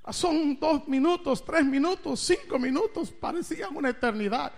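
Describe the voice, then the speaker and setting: High bright man telling a story in a hall. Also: animated, moderate pace. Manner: dramatic storytelling with big swings in loudness and pitch. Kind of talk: storytelling sermon. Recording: reverberant hall.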